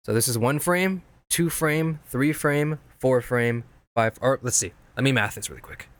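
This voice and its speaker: A man's voice: medium pitch, no room sound. A man streaming, casually teaching video editing while reviewing viewer edits, rambling and repeating himself as he explains things step by step.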